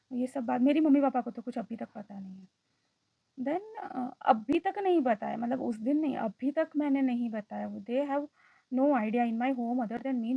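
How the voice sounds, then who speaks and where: A woman's voice: fairly high pitch, gravelly, dry recording, phone-quality sound. A woman vlogger telling a personal story in a reflective, hesitant way, often slipping into English phrases.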